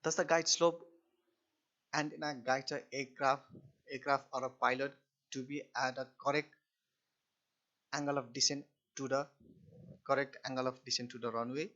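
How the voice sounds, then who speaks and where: A male lecturer explains technical material step by step, frequently restarting and repeating phrases haltingly. His middling-pitched voice is steady, bright, and forceful, though the recording is dull and lo-fi.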